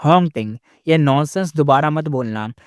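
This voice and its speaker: A man's voice: fairly high pitch, animated, normal speed, a little mellow, dry recording, studio quality, lightly acted. A man voicing a stern, angry male master immortal who scolds harshly and gives orders. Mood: angry scolding.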